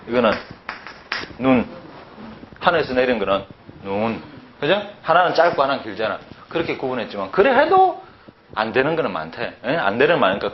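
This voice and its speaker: A middle-aged man with a Gyeongsang Korean accent teaching a class, lively and full of rhetorical questions to his students. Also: medium pitch. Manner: animated, peppers talk with rhetorical questions. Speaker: language teacher. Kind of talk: classroom lecture. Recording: muffled, faint hiss.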